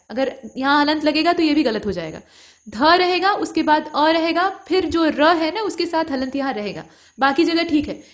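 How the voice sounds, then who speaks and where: A woman teacher going through exam questions in a lesson, explaining each one step by step and asking students to look closely. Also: sits high.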